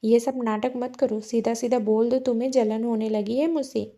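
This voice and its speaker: A tearful young wife, sharp and accusing, her voice pushed higher than the reader's own, as a woman narrator acts her. Her lines come out louder and hurt in a storybook reading. The tone stays mellow underneath. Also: fairly even intonation, moderate pace, natural voice.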